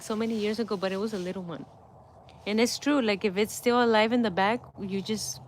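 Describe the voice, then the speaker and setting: Middle-aged woman host, casual storyteller who keeps breaking into laughter; phone mic with faint background hiss. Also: mid-range voice. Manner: laughs often while telling a story. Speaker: livestream host.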